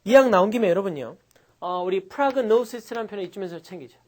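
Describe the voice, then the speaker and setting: Woman, vocabulary teacher, chatty and lively, mid-pitched voice, asks the class questions and acts out quick scenes. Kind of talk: lecture.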